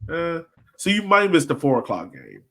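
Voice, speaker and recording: This soccer podcast host sounds a little high, very animated, pushed and bright, speaking at normal speed. His talk is informal fan chat and analysis, rambling as he thinks out loud.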